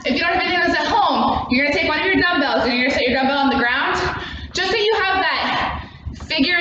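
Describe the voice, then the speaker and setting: A woman aerobics instructor with a high voice calls out exercises, cues and countdowns with encouragement. She is heard from a distance in a very echoey room. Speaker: fitness class instructor. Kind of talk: aerobics instructor leading a workout, demonstrating and counting down. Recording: echoey room, distant mic, muffled, noisy.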